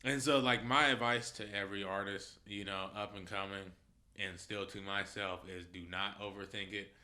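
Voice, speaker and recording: Guy on a podcast talking music, low-ish voice, real bright tone, acts out quotes. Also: moderate pace. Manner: animated storyteller, acts out quotes. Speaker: musician guest. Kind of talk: casual podcast chat.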